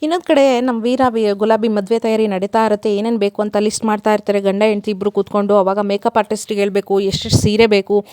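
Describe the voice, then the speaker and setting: A woman casually retelling a TV serial episode, chatting quickly and acting out the characters' quoted lines. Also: mid-range voice, steady tone, darkish tone, smooth, no room sound, clean studio sound. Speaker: serial recap vlogger.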